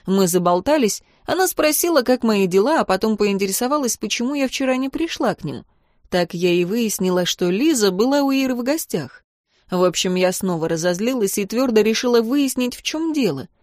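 A woman narrating a first-person audiobook in a lively, expressive way. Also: a little high, a little fast, dry recording. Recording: dry close recording.

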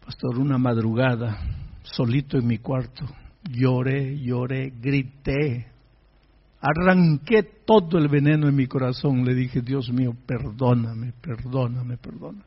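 A man preaching and quoting a contrite young man, once bitter and angry, in a soft, low, pleading voice. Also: a little slow, lo-fi sound, lightly acted. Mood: remorseful.

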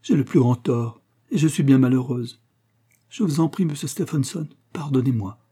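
A man voicing a distressed, tearful young woman who speaks firmly and pleads, in a husky dark voice. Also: medium pitch, lively intonation, a little fast, pitched above the performer's own voice. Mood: distressed pleading. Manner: pleading, emotional.

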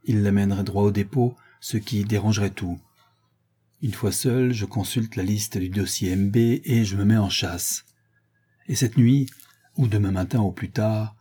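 Male narrator as a proud English detective: clipped, commanding, mellow and husky. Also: lowish voice.

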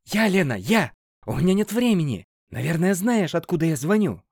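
A man's voice: high-pitched, sing-song, moderate pace, no room sound, clean studio sound, pitched above the performer's own voice, heavily acted. A man voicing a brusque male boss who barks demanding questions at his secretary. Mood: demanding, shouting. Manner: barking, demanding, commanding. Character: brusque middle-aged male boss, shouting.

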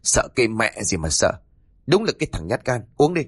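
Man voicing a hot-tempered gang boss, barking, scornful, lively, dry close sound. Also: on the low side, a little fast, breathy edge, no echo, heavily acted. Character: gruff male gang leader, hot-tempered bully.

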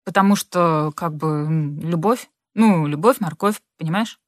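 A woman's voice: deep voice, measured pace, no echo, voice pushed down. Cornered husband, meek, hesitant, read by a woman, dry recording. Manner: hesitant, mumbling. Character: soft-natured, cornered husband.

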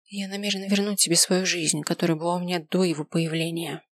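A woman's voice: little pitch movement, quick pace, dry recording, close to an everyday voice. A woman doing a tearful, bitter young woman. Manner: strained, tearful and high.

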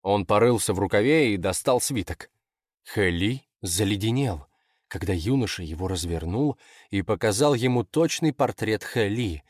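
A man reading fiction aloud in a measured, expressive narration. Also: on the low side, no echo, clean studio sound. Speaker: audiobook narrator. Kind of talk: scripted narration.

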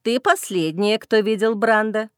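A woman reading an audiobook voices a plump, gentle female werewolf who speaks softly and calmly. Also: medium pitch, clear, resonant tone, no room sound, clean studio sound, close to an everyday voice. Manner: soft, measured.

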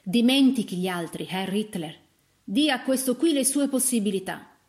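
A woman voicing a brisk, firm male doctor who reassures people in a storybook reading. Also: mid-range voice, lively intonation, a little mellow, lightly acted.

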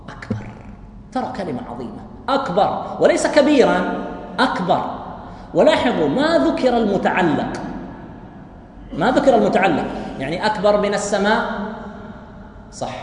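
A man giving a lively religious lecture, asking his listeners rhetorical questions and chuckling between points. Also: high voice. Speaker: preacher. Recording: very echoey hall with faint hiss.

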